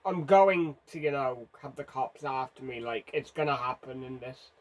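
Speaking at medium pitch and a normal pace, a male gaming video host plays a driving game. His live commentary is frantic and makes fun of himself.

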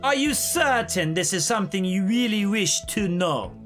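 A man voicing an ominous female fortune-teller in a put-on Jamaican accent, drawing out her prophecies slowly. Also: sits high, lively intonation, a bit bright, faint music behind. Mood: mysterious. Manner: slow, drawn-out prophetic delivery. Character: slow mystic fortune-teller woman, ominous.

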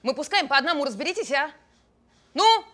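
An actress playing a brisk maternity nurse. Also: female voice, high-pitched, animated, a bit bright.

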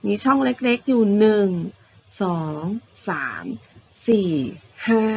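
A woman's voice: mid-range voice, creaky, muffled recording, a little hiss or hum. Patient woman teaching young pupils. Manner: patient, repetitive, ending phrases with polite particles. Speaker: primary school math teacher. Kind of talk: online lesson explaining to young pupils.

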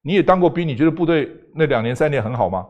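Fast, animated older man. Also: a little high, dull audio. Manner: emphatic, rapid-fire arguing with rhetorical questions. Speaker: guest. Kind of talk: political talk show debate.

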